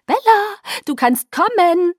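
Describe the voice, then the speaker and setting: A woman doing a high, bossy young stylist. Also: animated, slow, no room sound, clean studio sound, exaggerated voice. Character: lively fussy young woman, a confident stylist.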